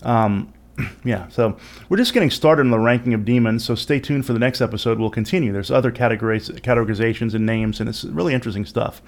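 A man with a creaky, gravelly edge to his middling-pitched voice hosts an explanatory lecture. He talks conversationally, musing aloud and turning to the listener with small rhetorical questions. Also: fast. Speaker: host and presenter of an educational video series.

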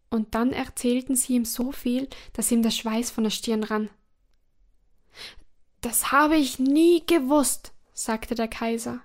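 A woman reads a classic fairy tale aloud as a storyteller, in a calm and measured way. Her voice sits a little high for a woman, and the reading is steady and unhurried.

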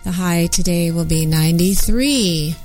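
A woman's voice: fairly low pitch, a little slow, darkish tone, faint music behind. A woman co-hosting a radio show, reading weather casually and adding chatty little asides. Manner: chatty, adds small asides.

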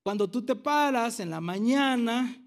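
A man's voice: very high-pitched, animated, unhurried. A man preaching a sermon as pastor, asking the congregation questions and teasing them with jokes.

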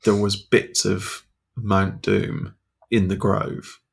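A man with a low, gravelly voice and a husky edge, talking in a casual podcast conversation. He is blunt and dry, argues his points flatly, and dismisses ideas he dislikes. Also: slow pace. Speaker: podcast co-host. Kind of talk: casual chat.

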